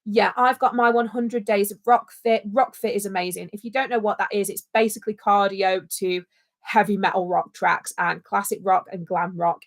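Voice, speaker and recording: With a gravelly, mid-range voice, this livestream co-host talks with passion in a casual chat, circling back to repeat her points for emphasis.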